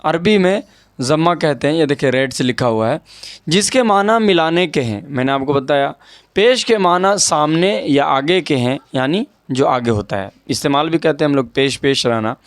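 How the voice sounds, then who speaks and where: A man's voice: on the high side, lively intonation, no echo. Patient male Urdu grammar teacher. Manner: patient, repeats key words and checks in with the listener. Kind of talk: explaining a lesson over an on-screen document.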